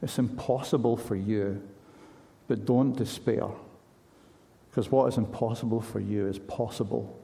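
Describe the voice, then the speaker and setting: A man's voice: lowish voice, steady tone, a little slow, gravelly, warm tone. A man preaching a sermon in an earnest, conversational way, asking his listeners pointed questions.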